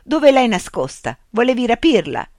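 A reader voicing a worried mother in a fairy tale, speaking higher and sharply insistent in an audiobook reading. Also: sing-song, moderate pace, darkish tone, no echo, studio quality, natural voice. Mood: accusing.

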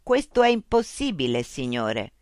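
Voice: medium pitch, very animated, moderate pace, dry recording, studio quality, close to an everyday voice. A narrator voicing a cold bureaucratic machine information unit that recites rules in a rigid, officious way. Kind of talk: audiobook character voice.

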